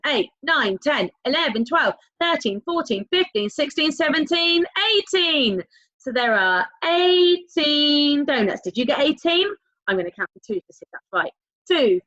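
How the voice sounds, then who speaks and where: A woman teaching a recorded primary school maths lesson, talking directly to young pupils in an encouraging, sing-song way with drawn-out key words and prompting questions. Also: sits high, fairly bright tone. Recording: dull, lo-fi sound.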